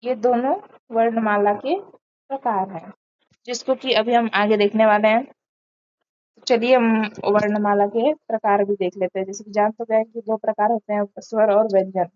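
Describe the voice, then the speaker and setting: A woman's voice: medium pitch, fairly even intonation, normal speed, no room sound. A woman teaching an online grammar lesson step by step, with many fillers and corrections along the way. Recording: muffled lo-fi audio.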